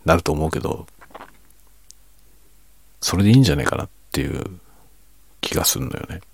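A man with a very deep, gravelly voice speaks softly in a casual, reflective monologue. His husky tone stays low-key and self-deprecating, as if talking late at night. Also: expressive, brisk. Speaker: streamer and hobby novelist.

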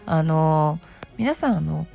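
A middle-aged woman with a gravelly, just-woken hoarse voice, chatting casually and self-deprecatingly as the host of a solo show. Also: deep voice, lively intonation, slow, mellow, soft background music. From Osaka, Japan. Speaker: host, aromatherapy shop presenter.

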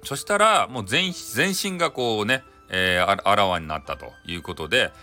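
Lively Hakata-accented man telling a folktale. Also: on the low side, normal speed, faint music behind. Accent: Hakata dialect. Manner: playful and chatty, with many dialect endings. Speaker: storyteller. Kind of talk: bedtime folktale narration.

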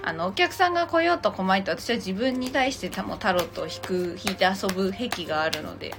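A woman's voice: medium pitch, animated, fast talker. A woman hosting a casual tarot livestream, chatting playfully with commenters and switching between polite and teasing casual speech. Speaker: livestream host and tarot reader. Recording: music playing behind the voice. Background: music.

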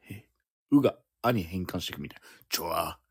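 A man's voice: sits low, expressive, fast, darkish tone, breathy edge, no room sound, clean studio sound. A man on a live audio chat, patiently correcting and repeating sounds as he coaches pronunciation. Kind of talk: casual live-stream chat.

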